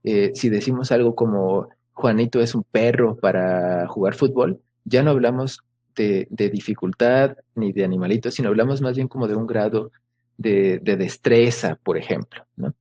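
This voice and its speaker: A man's voice: lowish voice, normal speed, mellow, highs cut off. A man giving an academic lecture over a video call, explaining patiently with many fillers and rhetorical questions. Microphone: video call microphone.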